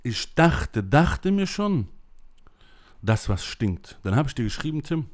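A man's voice: medium pitch, very animated, takes it slowly. A man delivering an angry, emotional monologue to camera, ranting in blunt, coarse language. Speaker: vlogger.

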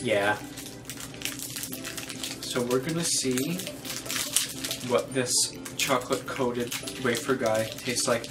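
A woman's voice: rumbling low, takes it slowly, long pauses, very noisy. A woman casually taste-testing snacks and describing each one aloud as she goes. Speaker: snack box reviewer. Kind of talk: casual taste-test chat. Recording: distant mic with background music.

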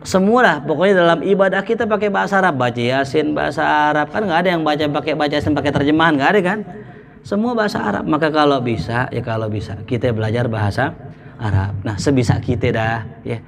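A male Islamic preacher, giving a lively sermon full of jokes and anecdotes. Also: fairly high pitch, fast, creaky, a crowd in the background. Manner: lively, joking, mimics market sellers.

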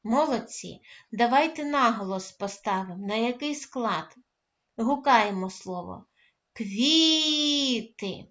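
A woman primary school teacher giving a recorded lesson to first graders, speaking gently and praising the children often. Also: a little high, lively intonation, measured pace, muffled recording.

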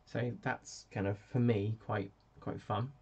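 A man's voice: lowish voice, steady tone, takes it slowly, darkish tone, husky. A man hosting a casual live stream, chatty and self-mocking as he answers viewers. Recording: dull lo-fi sound.

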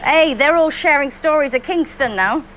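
A woman's voice: sits high, normal speed, fairly bright tone, a little hiss or hum, rough recording. A woman chatting casually on an upbeat vlog at an outdoor animal shelter, talking to dogs and people. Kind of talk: casual handheld vlog chat.

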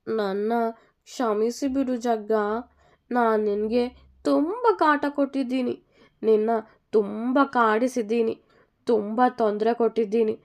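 A woman's voice: fairly high pitch, steady tone, measured pace, pauses often, darkish tone. A woman voicing a heartfelt young bride in a told love story. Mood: tearful. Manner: tearful, heartfelt.

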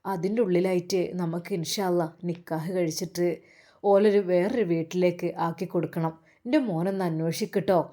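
A woman with a Malappuram Malayalam accent voicing a warm, devout older mother who speaks in a soft, prayerful way and gently blesses her daughter. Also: on the low side, fairly even intonation, brisk, lightly acted. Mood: earnest.

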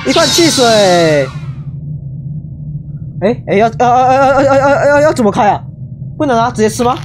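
Excitable high-voiced woman gamer, shrieking. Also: normal speed, over music. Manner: excitable, shrieking, peppered with English exclamations. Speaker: gaming YouTuber. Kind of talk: let's play commentary.

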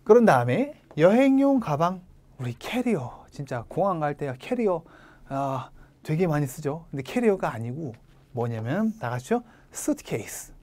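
A woman's voice: deep voice, very animated, moderate pace, darkish tone, no room sound. A woman with a Korean accent gives an online test-prep English lesson, drilling students to repeat after her. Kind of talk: online lecture.

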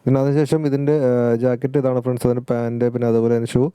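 Male gaming vlogger, very fast casual delivery, dark smooth tone, talks straight to his viewers. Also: mid-range voice, flat delivery, no room sound. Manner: chatty, keeps addressing viewers as friends and guys. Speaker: gaming YouTuber. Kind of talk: casual game update commentary.

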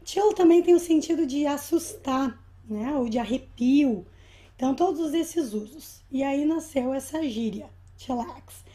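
A woman English teacher with a Brazilian Portuguese accent explaining slang in a video lesson, patient and slow, repeating words to model pronunciation. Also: high voice, expressive, dark tone.

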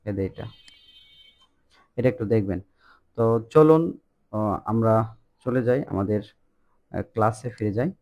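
A man teaching an online language lesson in a loose, informal way, with many fillers and slow repeated words. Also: lowish voice, expressive, a little mellow.

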